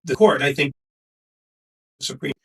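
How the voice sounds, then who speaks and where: A man's halting voice comes through corrupted video call audio that keeps cutting out. He speaks slowly with a gravelly, bright edge, set back from his microphone. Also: mid-range voice, recorded from a distance. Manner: halting, broken-up speech. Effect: glitchy audio cutting out. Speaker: appellate lawyer. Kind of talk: video call panel debate. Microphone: own microphone on a video call.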